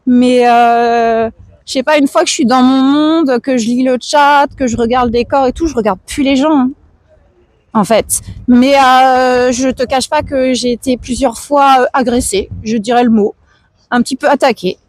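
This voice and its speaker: A woman with a hoarse, tired voice, chatting casually and answering viewers on an outdoor livestream. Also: high voice, steady tone, moderate pace, a little mellow, no echo. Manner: chatty, slangy, reads out and answers chat. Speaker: live streamer chatting with viewers. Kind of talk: casual chat, IRL livestream. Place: outdoors, walking through town streets.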